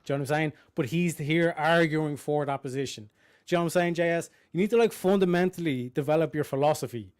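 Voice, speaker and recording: High, dry-voiced man debating in a rush. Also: dry recording. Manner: rapid, repetitive, stumbling restarts, keeps asking "you know what I'm saying". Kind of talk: heated live online debate.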